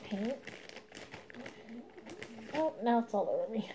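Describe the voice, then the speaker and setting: A young woman chatting casually while she paints a craft project, rambling and laughing often, sometimes dropping to a soft murmur. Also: a little high, expressive, slow pace, very noisy. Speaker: craft vlogger.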